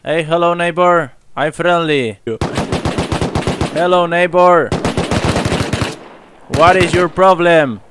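A man putting on a high, squeaky, pleading voice in broken English to pose as a friendly player in an online game. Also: fairly even intonation, very noisy. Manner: exaggerated, drawn-out begging. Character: pleading falsetto man, feigning a harmless loner.

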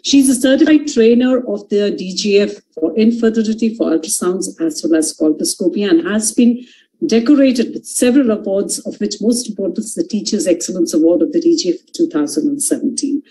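A woman's voice: medium pitch, brisk, warm tone, low-quality recording. An older woman, making a formal introduction as moderator on a video call. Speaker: webinar moderator introducing the speaker. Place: living room at home, video call. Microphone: video call microphone.

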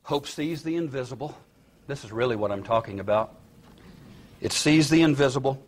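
A man preaching a sermon, retelling a story with sudden rises in pitch and drops to a near hush. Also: moderate pace, noisy background. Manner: dramatic retelling with acted quotes, rising and dropping to a hush.

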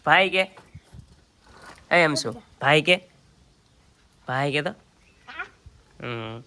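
Low-voiced woman vlogging her family day. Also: animated, extremely slow, sharp tone, slight background noise. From Gujarat, India. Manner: chatty, coaxing a child to talk. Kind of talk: casual family vlog narration.

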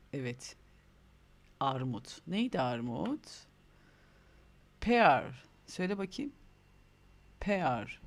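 A man teaching English words to young children in a recorded online lesson, speaking with a Turkish accent and warmly prompting them to repeat after him. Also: mid-range voice. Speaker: primary school English teacher.

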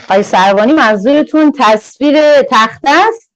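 Lady teacher trainer, slow singsongy delivery, slightly dull lo-fi online audio. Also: high voice, animated. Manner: slow, sing-song, drawn-out teaching delivery.

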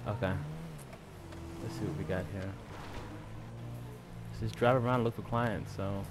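A man's voice: fairly low pitch, fairly even intonation, normal speed, noisy background. Laid-back slangy male game streamer. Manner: laid-back slangy talk with frequent fillers. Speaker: streamer and server owner. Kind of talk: casual gaming stream chat.

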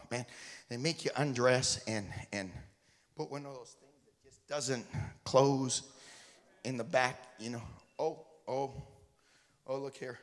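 A man, a missionary preacher, telling a folksy, joking story to his congregation during a sermon. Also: medium pitch. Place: church sanctuary. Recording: reverberant church hall.

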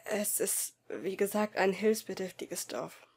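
A caring teenage boy speaks softly and falters as he hunts for words, read by a woman in a storybook audiobook. His voice stays low and uncertain, full of concern for his friend. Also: a little slow, vocal fry, breathy edge. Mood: hesitant. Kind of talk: amateur audiobook reading.

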